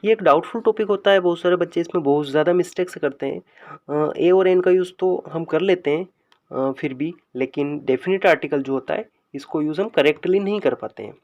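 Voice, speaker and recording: A man teaching English grammar in speech, explaining slowly and drawing out example sentences word by word. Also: a little high, a little mellow, muffled recording. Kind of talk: explaining a lesson.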